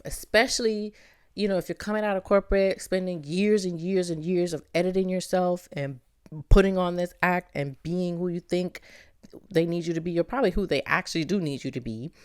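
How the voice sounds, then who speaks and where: A middle-aged woman from Barbados hosting a motivational podcast, talking in a lively, playful way and calling the listener "baby". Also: on the low side, normal speed, faint music behind. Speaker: podcast host.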